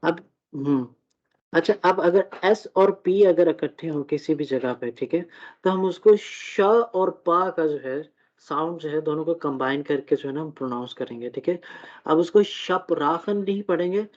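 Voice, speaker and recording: Slow patient man teaching, lo-fi sound. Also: fairly high pitch, darkish tone. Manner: slow, repeats "theek hai" often, fillers. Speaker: German teacher. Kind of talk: live online language class. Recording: dull lo-fi audio.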